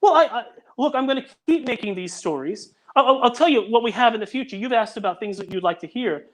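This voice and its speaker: Speaking very fast in a very high, expressive voice, a male audio drama producer chats as a podcast guest on a video call. The conversation is casual, and he comes across as earnest, repeatedly restarting what he's saying.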